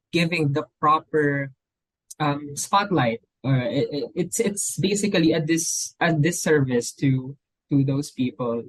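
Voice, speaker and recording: A man's voice: on the high side, no room sound, rough recording. Filipino man, thoughtful and dry. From Philippines. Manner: thoughtful, hesitant with many ums. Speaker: guest author. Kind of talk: casual interview talk.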